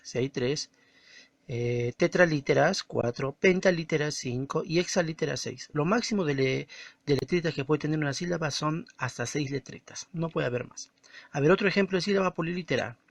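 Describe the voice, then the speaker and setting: A man's voice: a little high, dry recording. Man teaching in a dry, close voice. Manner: slow and didactic, stressing words and syllables. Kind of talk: recorded classroom lesson.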